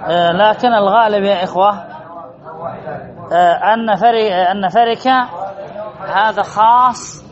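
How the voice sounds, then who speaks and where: High-voiced sheikh teaching a class. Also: male voice, fairly even intonation, moderate pace, long pauses, highs cut off, crowd noise. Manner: reads a phrase, then explains it, repeating key words and asking the class questions. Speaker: sheikh teaching Arabic morphology. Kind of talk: classroom lesson explaining a text line by line.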